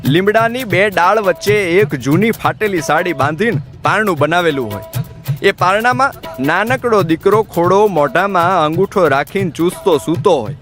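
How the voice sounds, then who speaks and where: A man narrating an audiobook in an expressive, dramatic storytelling manner. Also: high voice, normal speed, faint music behind.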